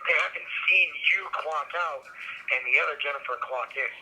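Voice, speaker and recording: Inmate on a prison phone call, sarcastic guy, very bright tense voice. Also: a little high, normal speed. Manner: teasing, sarcastic. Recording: phone line with faint noise.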